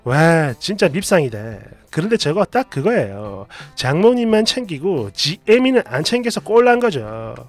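A man's voice: on the high side, big pitch swings, moderate pace, hardly any pauses, soft background music. A man reading online posts and comments aloud in a dramatized way, emotive and indignant as he acts out the quotes. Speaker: storyteller narrator.

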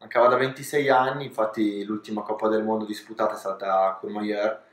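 Brief: young man, low and level delivery, measured answers in an echoey office. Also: fairly even intonation. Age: young adult. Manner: measured, informative, with short hesitations. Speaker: ski resort president and race director. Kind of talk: calm seated interview answers. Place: office with pennants and souvenirs on the wall, indoors. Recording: roomy office echo.

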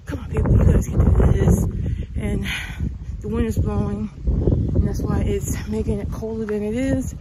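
A woman's voice: mid-range voice, steady tone, normal speed. A middle-aged woman out of breath, giving an upbeat, motivational walking vlog into a phone at arm's length. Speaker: fitness vlogger. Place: outdoors on a cold windy street, later in a car. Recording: noisy outdoor phone recording.

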